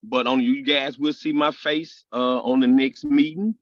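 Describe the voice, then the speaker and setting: A man speaks in an online meeting. He is friendly and rambles a little. His voice is mid-pitched, and the dull call audio sounds dry. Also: fairly even intonation, a little slow, no room sound. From Memphis, Tennessee, US. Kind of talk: casual online meeting talk. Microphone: video call.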